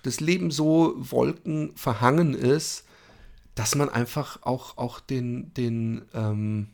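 A man hosts a solo podcast into a microphone, his voice gravelly and mid-pitched. He talks openly and frankly, often stalling on fillers and starting sentences over. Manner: hesitant, many fillers and restarts; candid, openly emotional. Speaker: podcast host.

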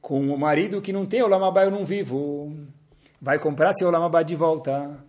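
A man's voice: on the high side, steady tone, fairly quick, a little mellow, lightly acted. A man voicing a stern wife who firmly insists in a told story. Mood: insistent. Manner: firm, insistent. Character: stern wife giving an ultimatum.

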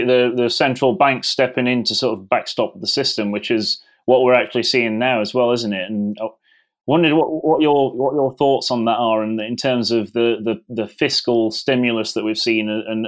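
A man's voice: medium pitch, normal speed. A man hosting a podcast and putting questions to a guest in a conversational way. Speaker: podcast host, interviewer. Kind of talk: conversational interview.

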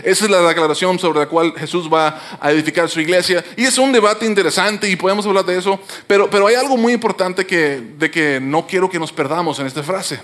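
Guy with a pretty high voice giving a sermon, chatty and explaining stuff, trips over words a lot. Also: a little fast, hardly any pauses, a bit bright. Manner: explanatory, conversational preaching with frequent restarts. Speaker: pastor.

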